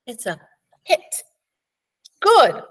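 A woman teaching a preschool phonics lesson, sounding out letters and words slowly and praising the child. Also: fairly bright tone. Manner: slow, encouraging, sounds out letters.

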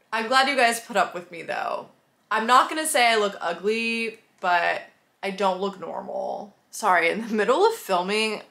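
Talking to camera in her bedroom with a couch, a young woman with a cold rambles apologetically in a casual vlog, hands moving animatedly. Her medium-pitched voice sounds a bit nasal, picked up by a camera mic at arm's length.

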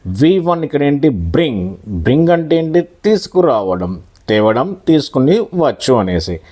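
A man with a Telugu accent teaching a spoken English lesson, explaining verb forms slowly and drilling words by repetition. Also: mid-range voice, sing-song, mellow. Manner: slow, deliberate, drills words by repeating them.

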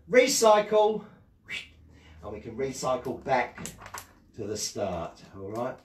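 Animated older man, kids' party magician. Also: medium pitch. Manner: exclaiming, coaxing kids' party magician patter with simple questions and prompts. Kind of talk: live children's magic show performance. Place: small indoor home-style stage with curtain backdrop. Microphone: headset. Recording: echoey room, slightly distant sound.

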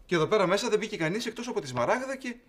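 A man's voice: high-pitched, big pitch swings, fairly bright tone, exaggerated voice. An actor playing an exasperated, short-tempered man of the house in a sitcom. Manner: exasperated, quick. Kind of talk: sitcom acting.

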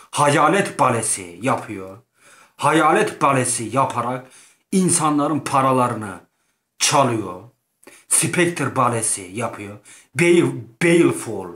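A man's voice: mid-range voice, expressive, a little slow, fairly bright tone. A man giving casual, playful gameplay commentary, rambling and repeating himself with slangy asides. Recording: roomy echoing room.

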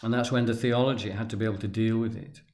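A man lecturing at length off the cuff, speaking deliberately and pausing often, with restarts as he stresses key words. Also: on the low side, fairly even intonation, a little mellow. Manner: deliberate, halting, with restarts and emphatic pauses. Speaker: tarot and religion commentator. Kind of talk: unscripted lecture.

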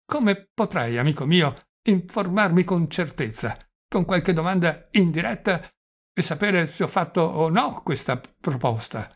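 In an audiobook, a man voices a forgetful, rambling older prince who stammers and drops French phrases. He pitches the character above his own voice, on the high side, sounding animated, unhurried and fretful.

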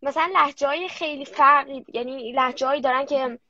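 A woman's voice: high voice, steady tone, bright, forceful tone. A young girl guest answering interview questions casually and hesitantly, with many fillers. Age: child. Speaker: guest, young German-language creator. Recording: dull lo-fi dry sound.

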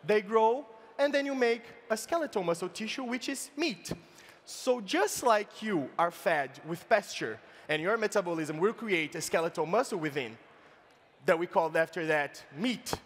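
A man voicing Lady Bai, a posh female bioreactor machine, speaking in a put-on British accent and explaining slowly and patiently. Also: high voice, lively intonation, a bit bright. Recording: reverberant live event hall.

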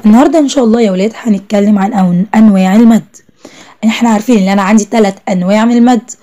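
A young woman with an Egyptian Arabic accent teaches first graders an Arabic lesson in a warm, mid-range voice. She praises and encourages the children, stretching each word out slowly as she spells it.

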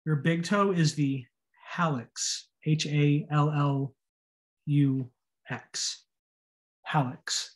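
A man's voice: fairly high pitch, steady tone, extremely slow, long pauses. Man teaching anatomy over slides. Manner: spells out and repeats terms, stresses pronunciation. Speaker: anatomy lecturer. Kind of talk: recorded lecture over slides.

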